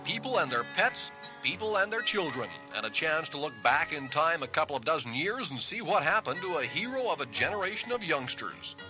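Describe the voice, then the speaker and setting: A man narrating a television feature as a field reporter, measured and wry. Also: a little high, sing-song, over music, low-quality recording. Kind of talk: scripted narration.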